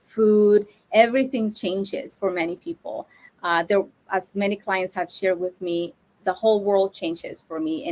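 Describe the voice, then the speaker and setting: A woman from Honduras gives an earnest lecture to social workers, her pitch sitting in a middle range. She thinks aloud as she goes, with many fillers and restarts. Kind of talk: educational talk to social workers.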